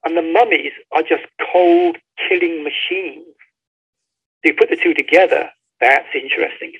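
Over a dull, lo-fi line, a man being interviewed as an author speaks articulately, telling stories in a conversational book interview. His voice is fairly high and husky, at a moderate pace.

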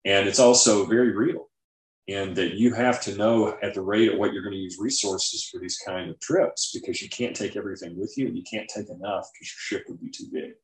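Recorded in a roomy, echoing space, a man with a fairly low voice speaks fairly quickly. Like a science-savvy interview guest, he explains ideas informally and leans on everyday examples.

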